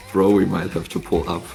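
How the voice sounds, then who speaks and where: A man's voice: sits low, gravelly. A man giving casual, laid-back, slangy live commentary as host of a gaming showcase, his voice echoing as if in a cave in an empty meeting room. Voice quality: cave-like echo on the voice. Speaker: host of a tournament mappool showcase. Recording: echoey empty room, music behind.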